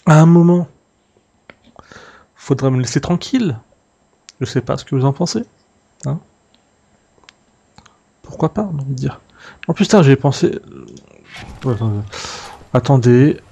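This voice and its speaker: A man's voice: mid-range voice, lively intonation, normal speed, vocal fry, pauses often, mellow, slightly rough. A man casually commenting on his gameplay, chatting to viewers and muttering to himself. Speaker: let's play gamer.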